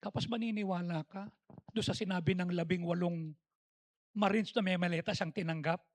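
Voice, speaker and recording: A man's voice: high-pitched, fairly even intonation, brisk, no echo. A man with a Filipino accent preaching a sermon as pastor, mixing English into his talk and acting out the voices in his stories, pressing harder on key points. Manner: switches between Tagalog and English, acts out quoted dialogue; emphatic, rising in force on key points. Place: church.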